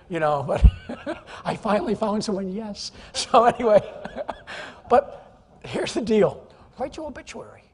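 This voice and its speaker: A man giving an animated, joking keynote talk to a live audience in a conference hall, teasing the crowd as he goes. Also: high voice. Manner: animated, jokey, teases the audience. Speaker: keynote speaker. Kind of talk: energetic, humorous business presentation.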